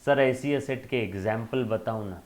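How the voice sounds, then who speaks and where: A man's voice: medium pitch, moderate pace, lightly acted. A man voicing a curious young student who keeps asking his teacher eager follow-up questions.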